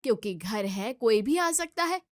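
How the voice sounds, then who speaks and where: A woman's voice: fairly high pitch, expressive, moderate pace, no echo, studio quality, voice pushed down, natural voice. Woman doing a stern scolding mother-in-law. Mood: dismissive. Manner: curt, scolding, taking her son's side. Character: stern middle-aged mother-in-law, sharp-tongued and scolding. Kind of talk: storybook voice acting.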